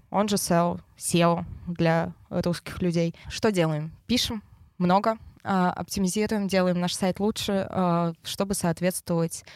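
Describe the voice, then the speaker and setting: Low-voiced woman with a burred r. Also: darkish tone, dry recording, studio quality. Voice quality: burred, non-standard r sound (speech impediment). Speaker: interview guest, head of a traffic department. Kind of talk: conversational podcast interview.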